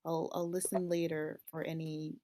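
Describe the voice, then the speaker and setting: A woman playing a tabletop game, speaking softly. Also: low-pitched, level tone, moderate pace, noisy background. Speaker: player. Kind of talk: casual tabletop play.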